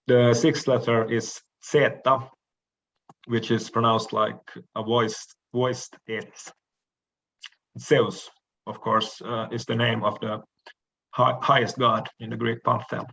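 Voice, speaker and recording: A man giving a recorded lecture, explaining each letter in a measured way with frequent pauses and the odd throat clearing. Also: mid-range voice, flat delivery, a bit bright, muffled recording.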